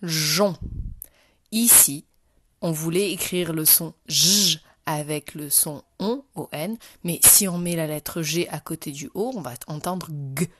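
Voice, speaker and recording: A woman's voice: deep voice, unhurried, fairly bright tone, no room sound. A woman teaching phonics to a young child, speaking patiently and directly to the learner. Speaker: primary school teacher.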